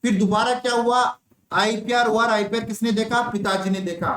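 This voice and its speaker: A man's voice: sits high, level tone, normal speed, fairly bright tone, a little hiss or hum. A man teaching an online nursing exam class, telling a story and quizzing his students with repeated questions. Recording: echoey room with faint ambience.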